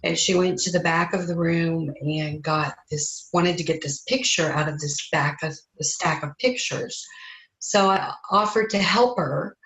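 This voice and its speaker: Slow, earnest woman in an echoey room. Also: lowish voice, a bit bright. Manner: slow, halting, earnest telling. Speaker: interviewee sharing a spiritual story. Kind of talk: personal storytelling in conversation.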